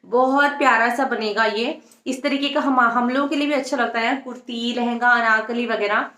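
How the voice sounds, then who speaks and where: A woman's voice: on the high side, fairly even intonation, moderate pace, sharp tone. A young woman vlogger chatting casually to her viewers, often dropping English words into her talk. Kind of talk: casual vlog chat. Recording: echoey room.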